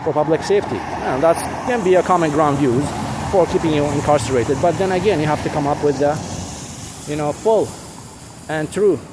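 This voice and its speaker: A man's voice: on the high side, normal speed. Insistent man on a noisy street. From Syria. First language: Arabic. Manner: insistent, repetitive, full of fillers. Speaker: vlogger. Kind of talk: rambling street monologue. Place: outdoors on a rainy city street. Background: traffic noise.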